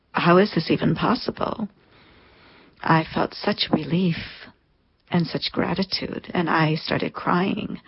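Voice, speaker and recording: Her voice sits low and sounds gravelly and slightly rough. She's in her thirties, a guest in an interview, recounting something personal with earnest reflection over dull, lo-fi sound.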